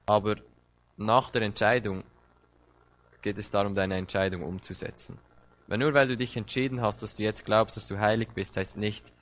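A man with a fairly low voice delivers a sermon. He talks straight to his listeners with fervent, rising emphasis and often doubles his words as he drives a point home. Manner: impassioned, direct address with rising emphasis and repeated words. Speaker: preacher.

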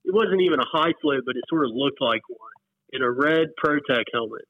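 A man in his forties from West Virginia, a whitewater paddler with an American accent, reminisces casually as an interview guest. His medium-pitched voice is lively in intonation and a little fast, heard over a dry, muffled, phone-like line.

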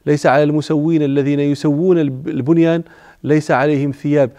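A man's voice: fairly high pitch, fairly even intonation, quick pace, dark tone, dry recording. A man giving a religious lecture, explaining old words as he goes and often stopping to restart a word. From Morocco. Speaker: religious teacher. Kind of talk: classical Arabic lecture on the Prophet's life.

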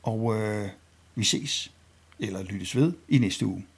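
Sardonic gravelly-voiced man roasting the news. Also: fairly low pitch. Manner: mocking, ironic, rambling with many fillers and restarts. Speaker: host of a weekly satirical news column. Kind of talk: sarcastic weekly news roast.

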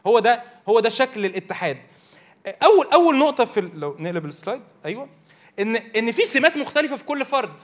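His very high-pitched voice has a fairly bright tone as he teaches a church youth meeting from slides. The man speaks with an Egyptian Arabic accent and keeps engaging listeners with frequent questions.

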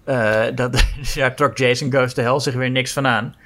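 Man, mid-pitched voice, casual film talk, hesitant, repeats words, laughs often. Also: fairly even intonation, normal speed, fairly bright tone.

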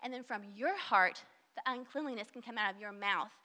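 A young woman from the Southern United States, with an accent to match, preaches as a guest speaker in a church sanctuary, reading scripture in an earnest, conversational sermon. Her voice is medium-pitched, a little fast and sharp, echoing in a large hall.

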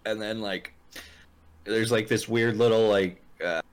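A man's voice: fairly low pitch, steady tone, unhurried, clear, resonant tone. A young man in casual crude chat, telling rambling stories and acting out the people in them. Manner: rambling storyteller, acts out quotes loudly.

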